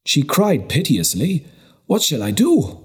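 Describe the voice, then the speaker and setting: A man's voice: a little high, wildly swooping pitch, unhurried, breathy edge, pitched above the performer's own voice, exaggerated voice. A man voicing a tired young monk, weary from drink, who pleads anxiously for advice in a storybook reading. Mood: troubled.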